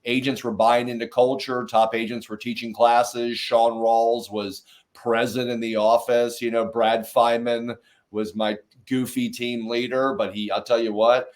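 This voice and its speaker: An energetic man hosts a casual interview chat, voice sitting at an ordinary middle pitch. He rambles, circles back and restarts his sentences, stacking up fillers as he pushes his point. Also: unhurried. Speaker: podcast host.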